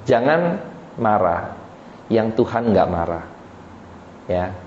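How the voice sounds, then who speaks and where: A man's voice: on the low side, a little mellow, slight background noise. A man pastor preaching a sermon in a casual, chatty way, talking straight to the congregation. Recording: roomy dull hall sound with faint ambience.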